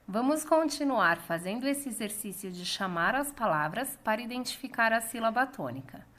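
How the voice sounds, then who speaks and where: A woman with a Brazilian Portuguese accent teaching a lesson, calling out words slowly and drawing out the stressed syllable. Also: a little high, expressive, a bit bright. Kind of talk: slow, clear classroom lesson.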